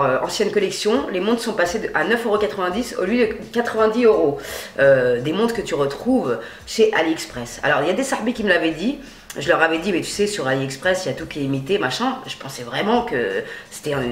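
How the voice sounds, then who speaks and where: A woman vlogging a clothing haul in a chatty, slangy way, swearing freely and swinging between loud and quiet. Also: low-pitched, reverberant. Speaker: beauty and fashion vlogger. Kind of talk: casual haul vlog.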